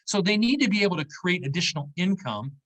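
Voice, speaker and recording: Fast and animated, with a high, fairly bright voice, a fifties male business owner explains conversationally as an interview guest, dropping in "okay?" and "right?". The audio quality is poor.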